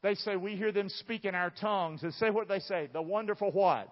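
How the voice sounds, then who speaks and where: Fairly quick and high-pitched, this man preaches a sermon in an emphatic, folksy way, asking his congregation questions. He speaks with a Southern American accent and is from the southern United States. The recording sounds dull and reverberant, as in a large church room.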